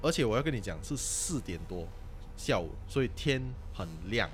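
一位新加坡口音的年轻男子，用夹杂英文的华语随意地讲鬼故事。. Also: male voice, mid-range voice, moderate pace, faint music behind. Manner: animated, mixes English words into Mandarin. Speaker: podcast guest storyteller. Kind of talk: casual ghost-story chat.

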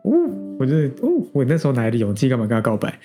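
A man in his thirties with a Taiwanese Mandarin accent recounts a personal story on his podcast in a candid, exasperated way. His voice is mellow and dark, sitting mid-range for a man. Soft plucked guitar plays faintly underneath. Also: medium pitch, rapid-fire. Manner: candid, animated, exasperated storytelling with frequent self-asides and laughs. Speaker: podcast host.

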